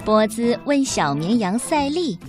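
Woman, children's storyteller, picture book read-aloud, sing-song, fairly high voice, faint music behind. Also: very animated, a little slow.

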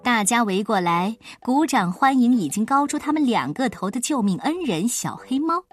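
A woman narrating a children's storybook with expressive, lively delivery. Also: on the high side, moderate pace, soft background music.

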